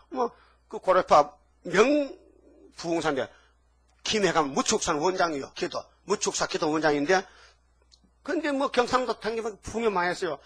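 A man's voice: high voice, a bit bright, breathy edge. A man preaching a sermon in an emphatic, colloquial way, telling stories and constantly prodding the congregation with rhetorical questions. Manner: colloquial storytelling with laughs. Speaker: pastor.

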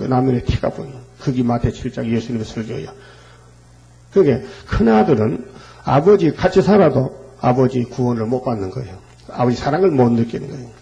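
Gravelly-voiced male pastor preaching. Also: mid-range voice, dark tone, highs cut off. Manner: fervent preaching with rhetorical questions and frequent fillers. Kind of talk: sermon.

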